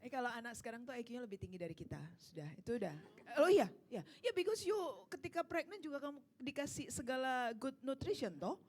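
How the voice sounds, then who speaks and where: A woman's voice: high-pitched, very animated, quick pace, hardly any pauses. A woman speaking at a parenting seminar, answering parents' questions in an emphatic, conversational way. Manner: warm, emphatic, rhetorical questions. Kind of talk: casual seminar talk, mixing Indonesian and English.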